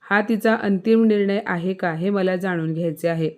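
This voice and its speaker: A woman's voice: medium pitch, normal speed, a little mellow, natural voice. A woman voicing a hurt, angry young husband in a spoken story.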